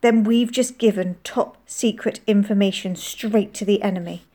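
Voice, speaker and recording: A woman voicing an anxious young girl who is impatient at first and easily upset, speaking in a high, urgent way. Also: fairly even intonation, normal speed, dark tone, natural voice. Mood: fearful.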